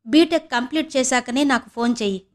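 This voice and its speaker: A calm, firm middle-aged aunt in an audiobook, as a woman narrator voices her, giving steady, encouraging but strict advice. The voice sits fairly high. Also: fast talker, natural voice.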